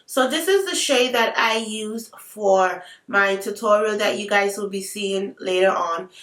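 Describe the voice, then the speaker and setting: A beauty vlogger with an African accent chats casually through a makeup tutorial, tossing in playful asides. Her medium-pitched voice is a bit bright and a little slow, recorded with a distant mic and roomy sound.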